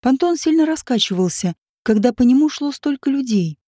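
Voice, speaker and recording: Woman narrating an audiobook, dark tone. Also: high-pitched, lively intonation, a little fast, no room sound, clean studio sound.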